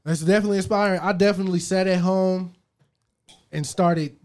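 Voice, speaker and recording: A man co-hosts a casual podcast in a laid-back, reflective manner. His voice sits a little high, with a warm, mellow tone and no edge. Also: fairly even intonation, fairly quick. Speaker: podcast co-host.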